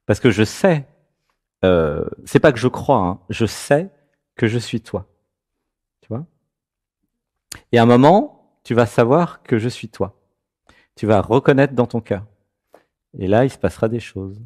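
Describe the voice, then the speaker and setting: A man from France with a mid-range voice speaks unhurriedly, leaving long pauses, as he hosts a spiritual talk show. He guides a caller animatedly, frequently checking in with "tu vois."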